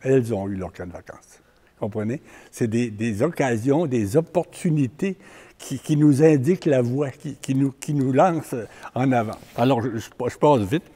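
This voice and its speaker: An older man with a Québécois accent giving a public talk, plain-spoken and halting, often repeating words as he tells stories. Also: medium pitch, warm tone, slightly rough. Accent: Québécois French. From Quebec. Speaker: community organizer giving a talk.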